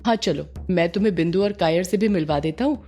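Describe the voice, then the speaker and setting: A woman's voice: fairly low pitch, a little fast, mellow, natural voice. A woman voicing a sulky, lovestruck young man in an audio story, complaining in a pouting way.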